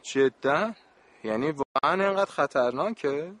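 Good-humored camp supervisor in a radio play; slightly high voice, wry and pleading. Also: male voice, animated, a bit bright, no room sound. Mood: exasperated. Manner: joking, exasperated, pleading.

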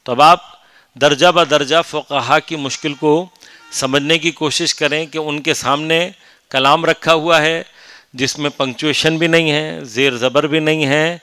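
A man giving a measured, explanatory religious lecture on Quranic commentary, rising into emphatic stretches. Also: a little high, pushed and bright, smooth, no echo.

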